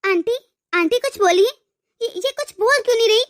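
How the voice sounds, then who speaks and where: A woman's voice: extremely high pitch, normal speed. A woman voicing an emotional young wife and devoted daughter in a cartoon story, often stammering over her words. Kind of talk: cartoon voice acting.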